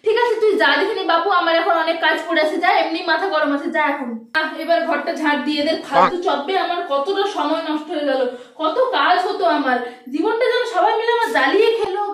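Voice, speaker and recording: A woman's voice: very high voice, quick pace. A woman playing an angry, overworked middle-aged housewife who scolds shrilly and complains in a sing-song voice, recorded in an echoey room. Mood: lamenting. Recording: echoey room, distant mic, noisy.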